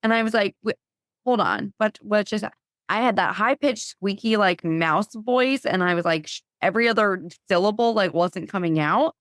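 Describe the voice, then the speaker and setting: A woman guest on a podcast, telling a lively faith story and acting out her own past thoughts in quotes. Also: mid-range voice, moderate pace, dry recording, studio quality.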